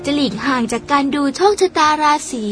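A woman's voice: high-pitched, brisk, music in the background, natural voice. A woman voicing a chatty, spirited young woman. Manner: lively, polite, gossipy storytelling. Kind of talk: audio drama acting.

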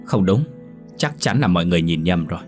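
A man's voice: deep voice, lively intonation, fast, soft background music. A man voicing a stricken middle-aged village father who sobs and pleads over his lost son. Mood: denying. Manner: sobbing, pleading.

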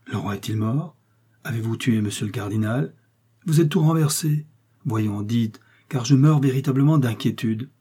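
A man's voice: medium pitch, normal speed, warm tone, slightly rough, natural voice. A man voicing a stern, phlegmatic musketeer in a read-aloud novel, speaking with command.

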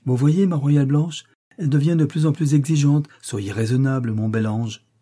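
A man's voice: mid-range voice, steady tone, normal speed, warm tone, breathy edge, pitched above the performer's own voice, natural voice. A man voicing a fussy, fretful aristocratic mother in a storybook reading.

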